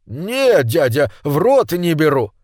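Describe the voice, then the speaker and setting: A man's voice: a little high, sing-song, takes it slowly, a little mellow, no room sound, studio quality, full character voice. A man voicing an eager middle-aged nephew who exclaims and frets.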